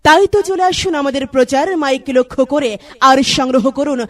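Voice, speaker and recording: A woman's voice: sits high, brisk. A woman with a Bangladeshi accent delivering a scripted promotional ad as slogan-chanting sales patter. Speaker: advertisement announcer.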